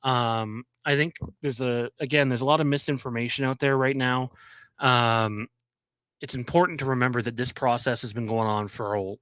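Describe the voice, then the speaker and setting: A man hosting a live stream in casual chat, his voice nasal and hoarse from a cold, talking haltingly with many ums and restarts. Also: mid-range voice, steady tone, fairly bright tone, dry recording. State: losing his voice. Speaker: livestream host.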